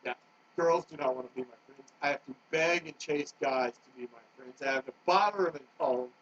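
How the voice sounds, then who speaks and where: A middle-aged man delivers a rambling, agitated monologue, leaping between topics and veering from loud outbursts to low mutters. His voice sits on the high side for a man. The recording is dull and lo-fi, with a faint hiss beneath it. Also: fairly quick. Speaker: vlogger.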